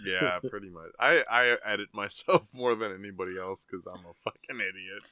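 A man's voice: on the low side, sharp tone, smooth, no echo. A man hosting a podcast, joking crudely and laughing with his friends in casual banter. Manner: crude, laughing, quick to joke. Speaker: podcast host.

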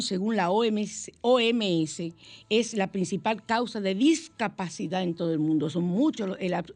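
A woman's voice: fairly low pitch, a little mellow. A middle-aged woman, a psychologist hosting a conversational radio show, who acts out quoted dialogue in a raised voice. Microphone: studio microphone.

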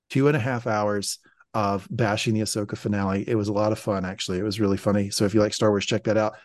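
A man's voice: lowish voice, a little mellow, dry recording, clean studio sound. A man hosting a casual podcast chat, wry and sarcastic, swearing casually. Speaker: podcast host.

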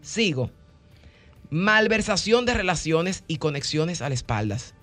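A woman hosting a radio talk show, explaining with animated role-played examples. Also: deep voice, unhurried, soft background music. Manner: animated, acts out callers' voices, teasing.

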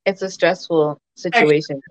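A woman in casual discussion, explaining her points in a measured, conversational way. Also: low voice, steady tone. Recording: echoey room, slightly muffled sound.

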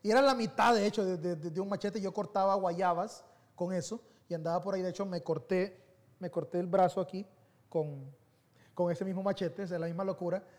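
A man giving a sermon as pastor, telling personal stories in an animated, conversational way that swings between soft and loud. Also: high-pitched, fairly quick.

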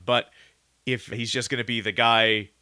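A man co-hosting a podcast, chatting casually and pitching a casting choice with enthusiasm. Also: little pitch movement, moderate pace, sharp tone, clean tone, no echo. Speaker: podcast co-host. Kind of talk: casual chat.

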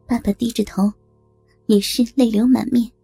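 A woman telling a serialized story in a steady, dramatic way. Her voice sits a little high, with a husky, gravelly texture. Faint music runs underneath. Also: normal speed, no echo.

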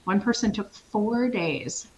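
A middle-aged woman from Switzerland, a consultancy founder answering interview questions in an energetic, emphatic way and laughing easily. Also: medium pitch, slow pace, a little hiss or hum, rough recording. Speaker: sales consultancy founder, guest.

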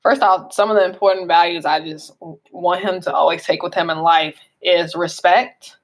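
Woman, lowish voice, co-host, earnest casual chat, fillers. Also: fairly even intonation, normal speed. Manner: earnest, thoughtful, many fillers.

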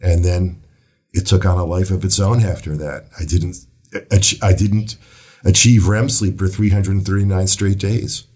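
Low, husky-voiced male author. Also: fairly even intonation, a little mellow. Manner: reflective, measured storytelling. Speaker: author guest. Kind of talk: casual interview.

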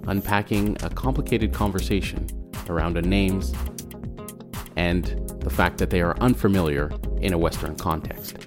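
A man from Malawi whose first language is Chichewa hosts a podcast, delivering scripted narration with playful asides. His voice is low, his speed normal, and music plays beneath him.

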